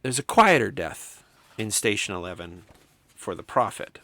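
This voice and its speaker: A man lecturing on film to students, enthusiastic and emphatic, swinging from quiet remarks to loud excitement. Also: lowish voice, normal speed, creaky, no room sound. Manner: enthusiastic, talks to students directly. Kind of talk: recorded lecture.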